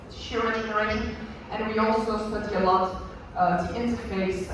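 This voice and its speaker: Belgian french guy giving a conference talk, lots of ums, super echoey hall, background noise. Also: high voice. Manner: hesitant, many fillers and restarts. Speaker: lecturer. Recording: echoey hall from far off, noisy.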